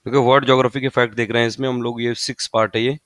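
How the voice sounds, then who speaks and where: A man explaining exam facts in a casual, rambling lesson, repeating points and pausing with fillers. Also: medium pitch, little pitch movement, fairly bright tone, no room sound. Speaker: exam-prep tutor.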